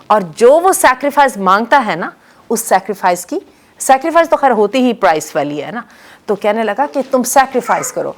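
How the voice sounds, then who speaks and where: A woman delivering an Islamic storytelling lecture as a religious teacher, telling the story in an animated way, mixing in English words and reciting Quranic Arabic verses. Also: fairly high pitch.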